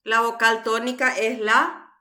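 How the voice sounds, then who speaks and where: Slow, patient woman teacher. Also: on the high side, little pitch movement, sharp tone. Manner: patient, explains step by step with checking questions. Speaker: university language teacher. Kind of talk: recorded online class.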